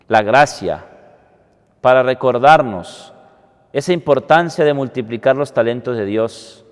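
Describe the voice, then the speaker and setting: A man, a priest giving a homily and prayers at Mass in a solemn, deliberate way, with a cathedral-like echo. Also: medium pitch, a little mellow. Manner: solemn, deliberate delivery with measured phrases. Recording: cathedral-like echo, long reverb.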